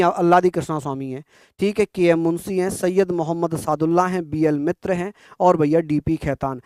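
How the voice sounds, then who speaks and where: A young man teaching an exam-prep lesson fast, repeating answers and quizzing his listeners. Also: high voice, smooth, dry recording, clean studio sound. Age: young adult. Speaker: exam coach.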